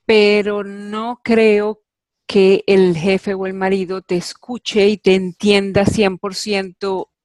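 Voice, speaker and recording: A woman's voice: mid-range voice, little pitch movement, slow pace, a little mellow, dry recording. A woman on a talk panel voicing doubts in a hesitant, thinking-aloud way. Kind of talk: talk show discussion.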